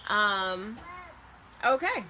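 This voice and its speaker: A woman's voice: mid-range voice, very animated, very slow, noisy background. A woman born in Jamaica, co-hosting a casual live-stream chat, chatty and laughing often. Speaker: co-host.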